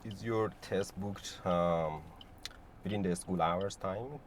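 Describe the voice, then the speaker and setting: A man working as a driving instructor, calmly explaining each step to a learner in a car. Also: deep voice, slow pace, slight background noise. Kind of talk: instructional talk and voice-over. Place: inside a car.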